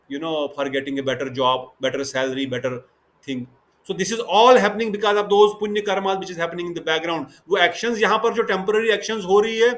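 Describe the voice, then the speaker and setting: A man's voice: on the high side, fairly bright tone. Man teaching a devotional scripture class. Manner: mixes Hindi and English, asks the class questions.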